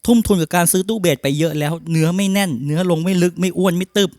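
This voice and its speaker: A middle-aged man selling audio equipment, pitching and demonstrating a mixer in a blunt, opinionated, persuasive way. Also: quick pace, darkish tone, no echo, studio quality. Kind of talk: sales pitch and product demo.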